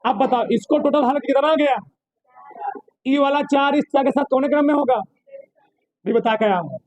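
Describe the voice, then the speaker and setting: A man a very high voice teaches physics in a classroom. He keeps asking his students questions and gently scolds them as he works. The sound is dry and close, no room echo. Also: normal speed, highs cut off. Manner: drills students with repeated questions, scolds lightly. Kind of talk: classroom lesson solving problems on a board.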